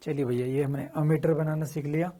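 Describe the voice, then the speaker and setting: In a relaxed physics class, a man asks questions and answers them himself, talking to students in a familiar way with bits of slang. His voice is a little high with a warm tone.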